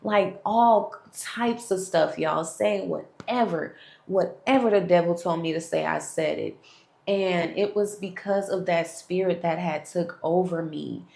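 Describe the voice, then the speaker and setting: Young woman, candid storyteller, talks to viewers, gravelly voice, echoey room. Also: lowish voice, unhurried, darkish tone. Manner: frank, talks straight to viewers. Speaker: vlogger sharing a testimony. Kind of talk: candid personal storytelling to camera.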